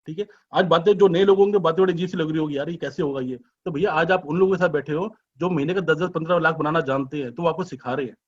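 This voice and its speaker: A man giving a business presentation as an informal sales pitch, chatty and persuasive, full of rhetorical questions and teasing asides. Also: steady tone, fast talker, few pauses. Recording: dull lo-fi recording.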